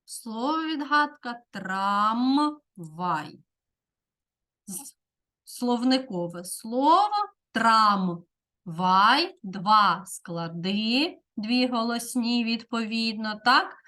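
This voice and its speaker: Slow, clear-speaking woman teacher. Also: on the high side, expressive, sharp tone. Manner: slow, deliberate dictation with clear enunciation. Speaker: primary school teacher. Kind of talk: Ukrainian grammar lesson for fourth graders.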